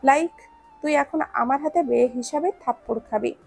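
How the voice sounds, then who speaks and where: A cold, possessive young man gives curt, clipped answers, as a woman narrator reads him. The voice sits high with a gravelly edge. Faint music plays underneath this audio story. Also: moderate pace. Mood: terse.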